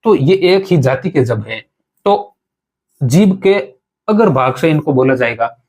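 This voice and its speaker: A man's voice: medium pitch, expressive, a little slow, darkish tone, husky. A man with an ordinary mid-range voice teaches an exam-prep grammar lesson. He talks his students through each point and repeats it. He poses a question and answers it himself. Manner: explanatory, repeats and asks rhetorical questions, addresses students as companions.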